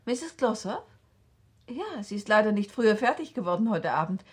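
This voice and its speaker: An actress playing a lonely, uneasy middle-aged woman in a 1960s radio drama, speaking softly and often in a breathy whisper. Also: mid-range voice, very animated, normal speed. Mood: tender uneasy. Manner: soft and gentle.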